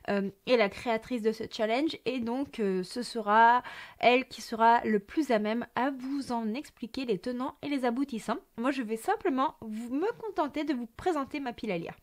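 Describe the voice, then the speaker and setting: Young woman chatting about her book pile, high voice, excited, lots of euh. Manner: chatty, enthusiastic, frequent fillers. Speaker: book vlogger. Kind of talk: casual book haul presentation.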